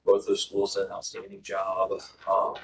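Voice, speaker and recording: A man's voice: sits low, completely flat delivery, moderate pace, fairly bright tone, slight background noise. A man reporting school test and attendance results to a school board, informal and full of ums and uhs. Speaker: school district administrator presenting data. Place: school board meeting room. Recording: distant microphone in a meeting room.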